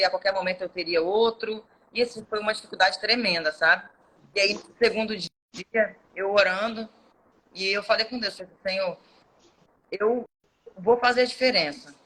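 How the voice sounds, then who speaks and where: A woman's voice: medium pitch, pushed and bright, rough recording. A woman in her thirties telling an emotional personal testimony as an interview guest, speaking earnestly. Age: 30s.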